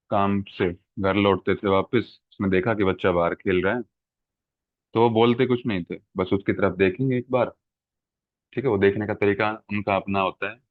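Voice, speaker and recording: Low-voiced male teacher, dry phone-like sound. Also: dry recording. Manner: explains with everyday examples, frequent "ठीक है" checks. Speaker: exam-prep teacher. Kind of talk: classroom lecture.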